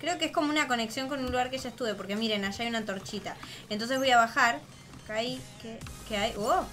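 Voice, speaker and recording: A woman's voice: fairly high pitch, fast talker, a bit bright. A young woman with a Rioplatense Spanish accent doing casual, dramatic gameplay commentary, laughing and shrieking often. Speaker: gaming channel host. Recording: faint game music behind.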